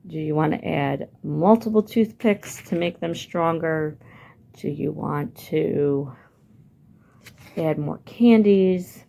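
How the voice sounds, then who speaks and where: With a low, gravelly voice and a darkish tone, a woman who works as a children's librarian guides young viewers through a hands-on building craft. She poses lots of encouraging questions along the way.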